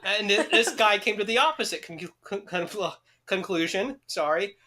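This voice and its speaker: Cohost on a comedy podcast, bright tone, rambles through made-up scenarios, lots of swearing. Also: medium pitch, expressive, normal speed. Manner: rambling, profane, riffs on imagined scenarios. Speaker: podcast co-host. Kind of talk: casual comedy podcast chat.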